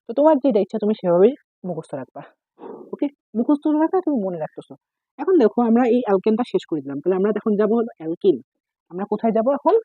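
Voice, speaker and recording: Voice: medium pitch, slightly rough, no room sound. A chemistry tutor gives a casual exam-prep lecture, asking questions and answering them, repeating each point. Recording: tinny phone-like dry recording.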